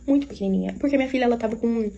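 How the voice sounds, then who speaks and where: A woman with a Minas Gerais accent tells her own life story in a casual, confiding way. She talks very quickly in a mellow, fairly high voice, with a faint hum of background noise. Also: gravelly, lo-fi sound. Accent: Minas Gerais Portuguese. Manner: confiding, keeps addressing listeners directly.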